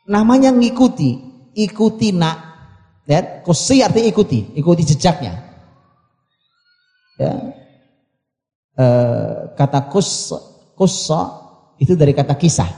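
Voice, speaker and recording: A man preaching in a slightly high, mellow voice, reciting Arabic verses slowly and then explaining them with repeated phrases and rhetorical questions. The sound is roomy, with a long reverb that trails off his words as if in a large hall. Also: animated. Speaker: Islamic preacher. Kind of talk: sermon explaining Quranic Arabic.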